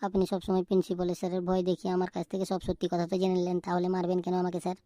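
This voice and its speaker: A woman's voice: on the low side, monotone, racing, warm tone, no room sound, lightly acted. A woman doing a pleading, guilty schoolboy. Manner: stammering, pleading, fearful. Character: timid, guilty schoolboy who stole. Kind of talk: cartoon voice acting.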